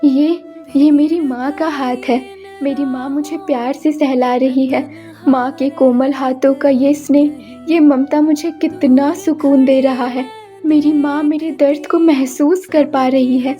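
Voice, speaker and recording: A woman voicing a sorrowful young woman cursed into a flower, speaking a soft, longing inner monologue over background music. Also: high voice, fairly even intonation, measured pace. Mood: tender relief. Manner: wistful, soft, inward monologue. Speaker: voice actor. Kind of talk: dubbed cartoon acting.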